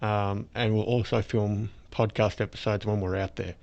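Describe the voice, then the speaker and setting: A lowish, flat voice with vocal fry comes from a toothless Australian man hosting a podcast at a moderate pace. He explains things casually and ramblingly through a face mask, his speech soft-edged, on a dull lo-fi recording.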